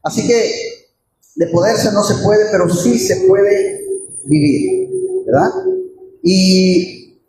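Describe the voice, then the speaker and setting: Speaking slowly with frequent pauses and big swings in his high pitch, a pastor delivers an emotional story in his sermon and poses rhetorical questions to the congregation. It's recorded in a very reverberant church with faint background noise.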